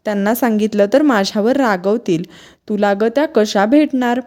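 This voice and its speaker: A woman's voice: medium pitch, normal speed, a little mellow, lightly acted. A woman voicing a young palace maidservant who questions and pleads cautiously. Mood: wary.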